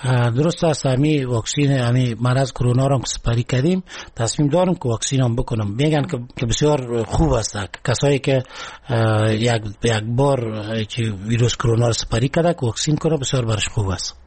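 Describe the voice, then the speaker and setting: Husky Afghan man in his forties. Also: medium pitch, a little mellow. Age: 40s. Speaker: interviewee, government employee. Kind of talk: spontaneous interview answers.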